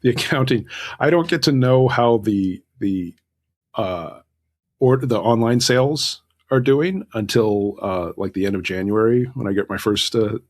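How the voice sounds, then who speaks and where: A guest author from Southern California talks casually in an interview, telling self-deprecating stories with acted-out asides. His voice is on the low side, a little slow, and darkish in tone.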